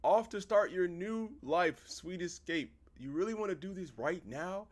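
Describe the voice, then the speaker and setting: A man's voice: high voice, expressive, measured pace, voice pushed up. A man reading aloud the lines of a betrayed, heartbroken wife in a game, with a raised, emotional delivery. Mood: bitter.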